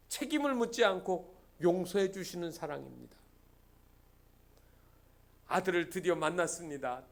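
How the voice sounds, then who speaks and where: A man with a strikingly high voice delivers a sermon in an animated storytelling manner. He moves between soft, low-key stretches and loud, emphatic climaxes. Now and then he slips into the voices of the people in his stories. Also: vocal fry. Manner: storytelling, swings from quiet to loud emphatic peaks; acts out quoted characters in short dialogue. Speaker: pastor.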